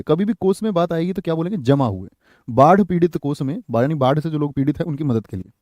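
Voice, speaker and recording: Teacher, dry close mic. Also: male voice, sits high, warm tone, no room sound. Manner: keeps asking the class questions and checking with "theek hai"; repeats the corrected sentence slowly for emphasis. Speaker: Hindi grammar teacher. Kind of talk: live online class, answering chat.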